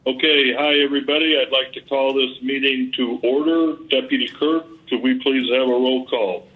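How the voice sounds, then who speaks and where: A man chairing a public meeting over a speakerphone, reading through his report in a steady, businesslike way with frequent pauses to say "uh". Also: mid-range voice. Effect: heard over a speakerphone. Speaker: chair of a village board meeting. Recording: tinny speakerphone played into a room.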